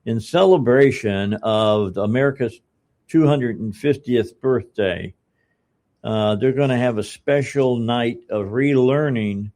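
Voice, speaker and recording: A man in his seventies hosting a talk radio show from a studio, speaking in a rambling, halting way with lots of "uh"s and restarts. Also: medium pitch, a little mellow. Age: 70s. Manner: rambling, halting, many uh's and restarts, chuckles often. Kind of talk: casual radio chat.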